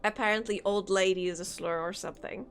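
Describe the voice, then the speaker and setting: There's slight background noise and faint game music as a woman live-streams, talking fairly quickly in a medium-pitched voice with fairly even intonation. With a slightly sore throat, she chats casually with viewers, rambling and thinking aloud.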